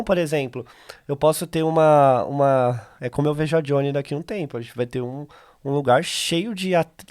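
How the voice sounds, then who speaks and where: A man's voice: a little high, darkish tone, dry recording, clean studio sound. A Brazilian man speaking as a podcast guest, explaining things in a conversational way with practical examples. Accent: Brazilian Portuguese. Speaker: podcast guest, voice company CEO. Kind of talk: conversational interview.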